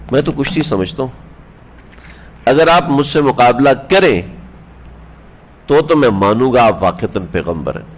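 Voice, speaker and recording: A male religious scholar giving a sermon, telling stories with rhetorical questions to his listeners and chuckling now and then. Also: mid-range voice. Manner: chuckles while telling anecdotes. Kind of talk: Urdu sermon on the Prophet's life. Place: standing on a prayer mat, indoors.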